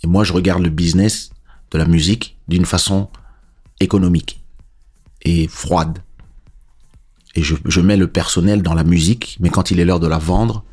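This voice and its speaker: A man from Congo, raised in France, hosting a relaxed livestream and answering viewer questions in an unhurried way. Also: low-pitched, slightly rough, soft background music. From Congo, raised in France from age seven. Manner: relaxed and unhurried, pauses with filler sounds. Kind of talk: casual livestream chat reading viewer questions. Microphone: dynamic podcast-style microphone.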